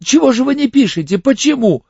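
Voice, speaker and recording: A man's voice: extremely high pitch, animated, fairly quick, creaky, a little mellow, slightly rough, dry recording, pitched above the performer's own voice, full character voice. A male audiobook reader voicing a frightened, hysterical woman under arrest, panicked and pleading near tears. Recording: dull lo-fi audiobook recording.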